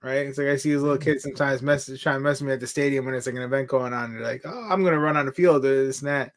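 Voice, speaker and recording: A man's voice: medium pitch, steady tone, rapid-fire. A man in his forties hosting a casual livestream chat, laughing often and reading out viewer comments. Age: 40s. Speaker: stream host.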